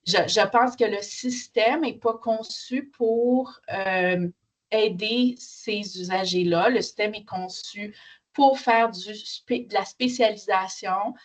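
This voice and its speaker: A woman with a Quebec French accent explains things in an unscripted panel discussion. Her voice sits at an average pitch, and she talks in a spontaneous, conversational way. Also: slow pace. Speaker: panel speaker.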